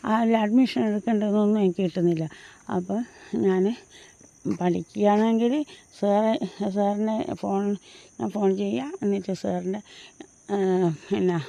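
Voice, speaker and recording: A woman's voice: medium pitch, warm tone, no room sound. A woman in her fifties with a Mahe Malayalam accent, chatting loosely to her phone on an early-morning walk outdoors, full of restarts and fillers. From Mahe, Puducherry. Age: 50s. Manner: rambling, frequent restarts and fillers. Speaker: vlogger and home tutor. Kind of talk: casual chatty vlog.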